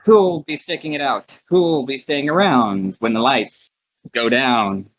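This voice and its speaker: A man voicing a flamboyant ringmaster sorcerer who calls out to the crowd in a booming, theatrical barker's voice, over muffled lo-fi audio. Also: a little slow, a bit bright, natural voice. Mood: grand showman.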